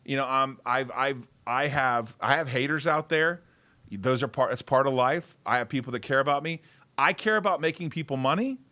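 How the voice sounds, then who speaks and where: A man hosting a casual livestream show, talking in an excitable, rambling way and repeating himself. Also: medium pitch, moderate pace. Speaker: show host.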